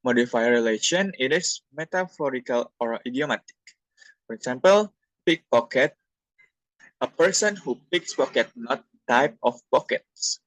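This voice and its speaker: A young man from Indonesia, a university student presenting a class talk from slides in a halting, plain explanatory way. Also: mid-range voice, expressive, a bit bright, no echo, rough recording.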